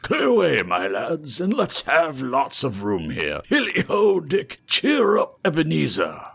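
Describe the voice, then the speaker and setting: A man's voice: huge pitch swings, measured pace, creaky, fairly bright tone, slightly rough, heavily acted. A man voicing a fat, jolly old male merchant with a rich, oily, jovial voice, calling out heartily in a storybook reading. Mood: jubilant. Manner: booming calls.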